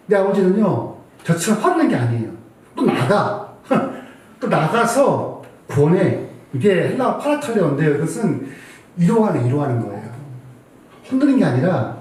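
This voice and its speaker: A man's voice: high-pitched, a little mellow. A man in his forties preaching a Sunday sermon in a church hall, telling a family story and acting out his own angry scolding. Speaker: pastor. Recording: echoey hall from far off.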